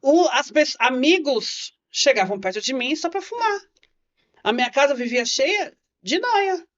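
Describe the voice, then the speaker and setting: A woman's voice: high voice, expressive, a little slow. São woman telling her story vividly. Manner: vivid storyteller, acts out quoted voices. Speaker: podcast guest. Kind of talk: personal testimony in a podcast interview. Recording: slightly muffled podcast audio.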